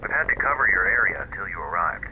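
An actor playing a calm, matter-of-fact male fire-lookout coworker who talks over a radio in a video game. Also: sits low, a little fast, narrow, tinny audio, background noise.

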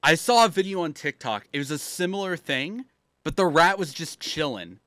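Young male streamer, high-ish and swooping voice, repetitive excited reactions, casual commentary at a desk mic. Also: moderate pace. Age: young adult. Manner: animated, blurts short reactions, repeats himself. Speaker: streamer reacting to meme videos. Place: small room at home, indoors. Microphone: close desk microphone.

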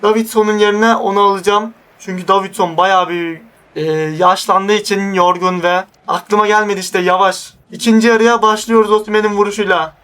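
A young man giving excited live commentary over his own football video game match, groaning and pleading when his team loses the ball. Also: sits high, a little fast, few pauses, clean tone, far from the mic. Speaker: gaming YouTuber.

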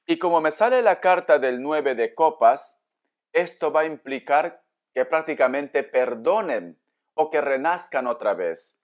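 Seated at a table in an indoor room with books, a male tarot reader and host gives viewers an informal reading directly, explaining as he goes and answering his own questions. His voice is on the high side, animated, and unhurried.

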